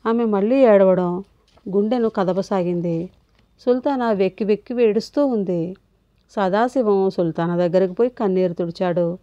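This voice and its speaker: A woman reading a novel aloud in a steady, measured storytelling voice. Her tone is mellow and warm, and the recording is dry and slightly dull. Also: mid-range voice, no echo. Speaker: audiobook narrator.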